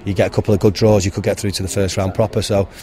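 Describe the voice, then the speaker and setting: A man, a football manager giving a frank post-match interview by the pitch, with many ums and restarts. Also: flat delivery, rapid-fire, warm tone. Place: outdoors beside a football pitch. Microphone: handheld interviewer mic held to him.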